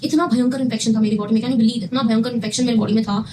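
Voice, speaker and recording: Young woman, high pitch, quick storytime delivery, emphatic repeats, faint room noise. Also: steady tone, dark tone. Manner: emphatic, repeats phrases, mixes Hindi with English. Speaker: vlogger telling her own health story. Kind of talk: casual storytime monologue.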